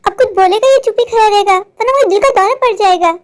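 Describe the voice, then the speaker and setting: A woman voicing a worried, sharp-tongued old mother-in-law in a cartoon, fretful and scolding. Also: extremely high pitch, fast. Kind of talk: animated Hindi cartoon voice acting.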